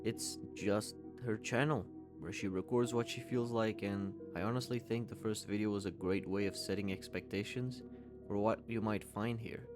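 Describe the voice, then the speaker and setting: A man's voice: on the low side, fairly even intonation, moderate pace, over music. A man in his twenties giving a candid, conversational commentary voice-over and swearing casually. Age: 20s. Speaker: YouTube commentator.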